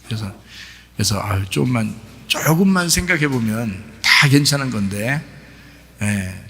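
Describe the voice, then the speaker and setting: A middle-aged man preaching a sermon as pastor, talking in a relaxed conversational way with many fillers. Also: fairly low pitch, gravelly, breathy edge. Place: church sanctuary. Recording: long church hall reverb.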